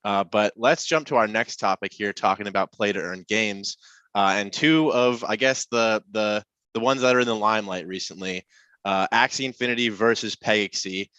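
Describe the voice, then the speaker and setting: Low, bright-toned male podcast host. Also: moderate pace, clear, resonant tone, dry recording, low-quality recording. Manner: relaxed, rambling with many fillers and restarts. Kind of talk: casual chat.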